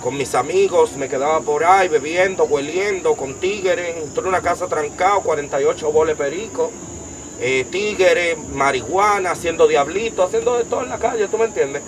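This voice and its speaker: A young adult man from the Dominican Republic, with a Dominican accent and a voice on the high side, gives an emphatic personal testimony as an interview guest. He piles up details in long, rapid lists, and the recording is rough.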